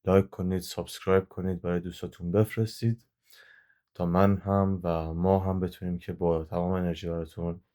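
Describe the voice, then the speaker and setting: A man's voice: low voice, little pitch movement, dark tone. A video creator, a man, breaking into his lesson to earnestly ask viewers for support. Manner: earnest, pleading, talks straight to the audience. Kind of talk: direct appeal to viewers.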